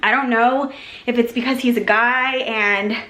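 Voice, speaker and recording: A woman's voice: on the high side, fairly even intonation, unhurried, fairly bright tone. Chatty upbeat woman vlogging, echoey room. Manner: chatty and upbeat, with many likes and ums. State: out of breath after exercise. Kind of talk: casual vlog talk to camera. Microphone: handheld camera.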